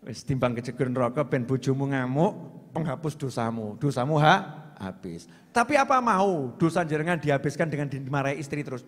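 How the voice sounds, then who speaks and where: A man with a Javanese accent preaching, who swings from loud raised calls to low muttered asides. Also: animated, fairly quick. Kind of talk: sermon. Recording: long hall reverb.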